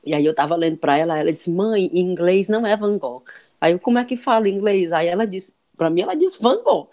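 A woman's voice: on the low side, quick pace, dark tone. A Brazilian woman co-hosting a casual podcast chat and telling amused stories. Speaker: podcast co-host. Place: living in London.

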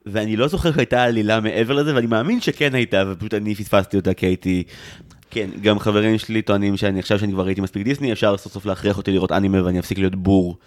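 A man in his thirties hosting a podcast, chatty and jokey, full of quick asides. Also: on the low side, fairly even intonation. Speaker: podcast host. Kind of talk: casual podcast chat.

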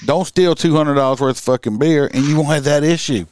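A man's voice: fairly high pitch, fairly quick, noisy background. A man from Louisiana with a Cajun accent, hosting a podcast in casual chat, talking bluntly and swearing often. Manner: blunt, profane, emphatic. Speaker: podcast host.

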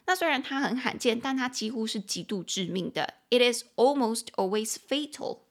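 A woman with a Taiwanese Mandarin accent hosting an English-lesson podcast, reading English sentences slowly, then explaining and spelling them in a chatty way. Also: fairly high pitch, expressive. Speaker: English teacher and podcast host. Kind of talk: bilingual language-lesson podcast.

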